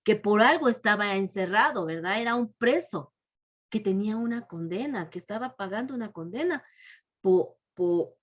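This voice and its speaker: A woman teaching a children's Bible lesson, retelling the story and ending almost every phrase with a soft, falling question tag, with frequent restarts. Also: mid-range voice.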